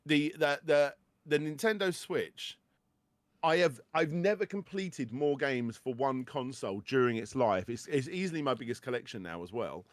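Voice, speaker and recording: A man's voice: medium pitch, expressive, moderate pace, no room sound. A man with a British accent chatting on a podcast, enthusiastic and often stammering and repeating words as he talks. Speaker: podcast host. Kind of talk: casual chat.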